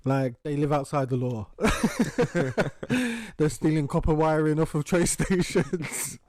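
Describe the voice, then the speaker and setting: Male co-host, mellow tone, animated anecdotal delivery, dry close mic. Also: a little high, slow, no echo. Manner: animated storytelling, swears freely, laughs often. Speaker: podcast co-host. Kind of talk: casual uncensored chat.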